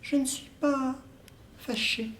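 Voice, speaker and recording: A man's voice: very high voice, steady tone, slow pace, a bit bright, slight background noise, pitched above the performer's own voice, full character voice. A man voicing an evasive tearful young woman. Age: young adult. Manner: hesitant, clipped denials. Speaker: student actor. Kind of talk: solo stage reading of a play. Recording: roomy echo.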